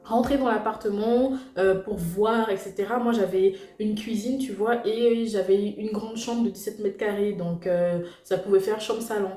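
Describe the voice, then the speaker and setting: A young woman from French Guiana recounts a personal story for her viewers in a relaxed, slangy style loaded with fillers and asides. Her mid-range voice holds a steady tone at a moderate pace with few pauses. The room echoes, and loud music plays in the background.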